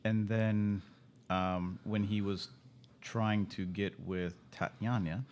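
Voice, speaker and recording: A man narrating as game master in casual tabletop chat, relaxed and laughing easily. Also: on the low side, slow pace, slight background noise.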